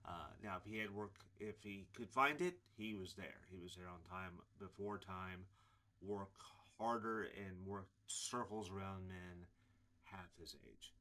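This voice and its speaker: Casting: man in his 40s, deep voice, preacher telling his own story, loose and rambling, lots of ums. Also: a little slow, sharp tone. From Illinois, USA. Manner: rambling, many fillers and restarts. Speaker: preacher giving his testimony. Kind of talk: casual personal testimony to camera.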